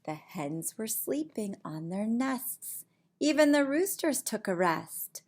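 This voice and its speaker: A middle-aged woman's fairly high, slightly mellow voice, creaky at the edges, carries a slow, sing-song picture-book reading for little children. Like a preschool teacher, she reads deliberately, tossing in simple asides and counting questions. The setting is a small indoor room at home.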